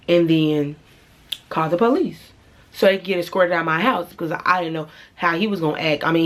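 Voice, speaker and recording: A young woman vlogger telling a dramatic personal story to her viewers, blunt and profane, speaking straight to camera. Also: deep voice. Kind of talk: storytime vlog.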